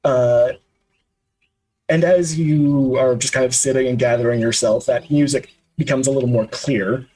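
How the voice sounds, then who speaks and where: A man's voice: medium pitch, fairly even intonation, normal speed, mellow, low-quality recording. A man narrating scenes as a tabletop game master, descriptive and full of hesitant uhs. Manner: descriptive, with frequent uhs and restarts.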